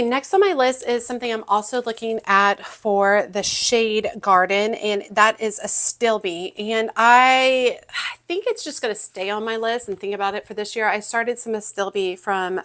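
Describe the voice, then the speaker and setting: A woman's voice: medium pitch, a bit bright. A woman with a Southern accent, hosting a gardening channel and chatting casually through a plant catalog with frequent ums and self-corrections. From Texas, US.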